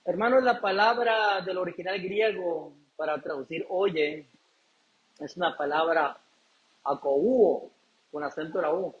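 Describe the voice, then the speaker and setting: Male pastor, high voice, preaching with call-and-response questions; muffled lo-fi sound. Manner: preaching, asks the congregation questions and answers them. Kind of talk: sermon.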